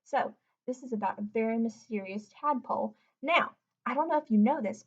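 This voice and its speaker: Sitting on the floor indoors at home, a woman hosts a picture book read-aloud, stopping to chat and explain things simply as if to young children. Her voice is on the high side and fairly bright, with the highs cut off.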